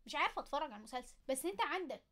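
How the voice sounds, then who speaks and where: An excited woman with an Egyptian Arabic accent hosts casual anime commentary to camera, talking very rapidly in a high voice. She's chatty and playful, speaking directly to the viewer as an anime fan.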